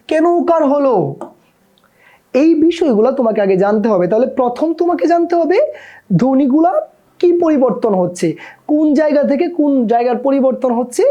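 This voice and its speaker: A woman's voice: high voice, mellow. A woman with a Bangladeshi Bengali accent teaching a grammar lesson to students, repeating key terms and quizzing the listener with questions.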